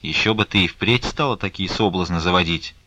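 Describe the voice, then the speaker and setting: A man's voice: sits low, a little fast, sharp tone, no room sound, pitched below the performer's own voice. A man reading an audiobook voices a stern, angry elderly abbess who scolds fiercely and reproachfully. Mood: stern scolding.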